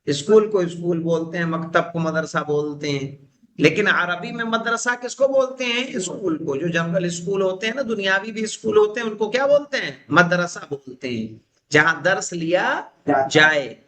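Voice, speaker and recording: A man whose first language is Urdu, teaching an Arabic grammar class, reading Arabic phrases slowly and translating them, with frequent check questions to students. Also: sits high, lively intonation, bright, forceful tone, low-quality recording. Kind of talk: classroom lesson.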